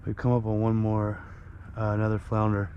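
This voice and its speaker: A man's voice: on the low side, completely flat delivery, moderate pace, highs cut off. A man casually narrating an outdoor vlog in a folksy, easygoing manner. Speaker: host of an outdoor fishing and cooking vlog. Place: outdoors, by water and at home. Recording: outdoor noise, water sounds.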